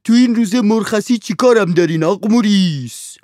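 A man's voice: high voice, a little mellow, dry recording, clean studio sound, pitched above the performer's own voice, lightly acted. A man doing a whining, grumbling servant. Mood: whiny. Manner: moaning, complaining.

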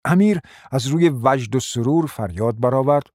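A man reads the narration of a radio play in an even, storytelling way. His tone is warm and mellow at a middle pitch. The studio sound is dry and close. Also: no echo. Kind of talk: scripted narration.

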